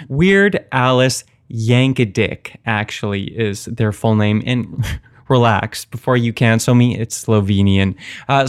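A man hosting a podcast in a playful, wry, self-interrupting way, mixing a scripted comedic intro with chatty asides. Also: mid-range voice. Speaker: podcast host. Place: basement away from usual home setup.

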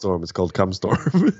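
A man's voice: sits low, husky, no room sound, lo-fi sound. A man co-hosting a podcast, rambling along in goofy, casual comedic banter. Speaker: podcast co-host.

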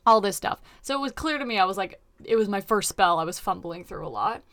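A woman at a middle pitch, recorded close and dry, hosts a casual comedic chat. She is exclamatory and slangy, and swears freely. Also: expressive, fairly quick, fairly bright tone, no room sound. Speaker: podcast host, comedian.

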